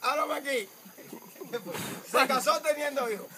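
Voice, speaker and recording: High-voiced Dominican guy freestyling. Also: a little slow. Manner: joking, boastful, rhyming banter. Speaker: video host. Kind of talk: improvised freestyle rapping among friends. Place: outdoors by a fountain. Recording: loud crowd around the mic.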